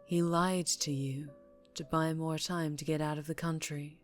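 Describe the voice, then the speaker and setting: In an ASMR roleplay, a woman plays a female mafia boss who is dangerously charming, ruthless yet tender, speaking low, very measured and fairly even over background music. Close to the microphone and intimate, she sometimes drifts toward a whisper, her condescending affection hiding cold authority. The mood is cool and menacing.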